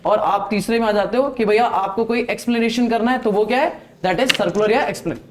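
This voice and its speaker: A man's voice: high-pitched, fairly quick, noisy background. A man teaching a classroom of students, quizzing them and checking "okay?" after each point. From Delhi, India. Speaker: accounting teacher. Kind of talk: classroom lecture.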